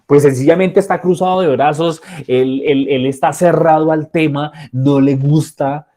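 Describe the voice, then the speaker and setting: A man giving a soft skills training talk, conversational and acting out short dialogues. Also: on the high side, steady tone, normal speed. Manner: conversational, acts out little dialogues with repeated fillers. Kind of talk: training lecture.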